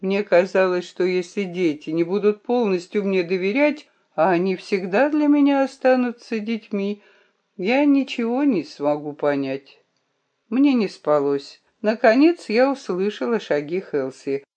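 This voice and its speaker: A reader narrating an audiobook in a measured, storytelling manner. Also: medium pitch, lively intonation, a little mellow, lo-fi sound.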